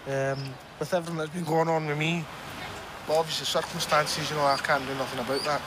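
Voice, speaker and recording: A man's voice: on the high side, level tone, fast talker. A man with a Scottish accent talking candidly and informally in a documentary, in a matey way, often repeating his phrases. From Scotland. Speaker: restaurant owner being filmed for a documentary. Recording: clear background noise on location.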